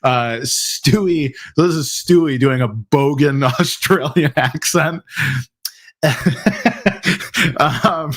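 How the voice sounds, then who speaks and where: A man's voice: on the high side, very slow, fairly bright tone, slightly rough. A man hosting a live question-and-answer stream, talking casually with lots of fillers and restarts. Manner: casual, filler-heavy, mock-quotes opponents. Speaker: host. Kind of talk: livestreamed Q&A.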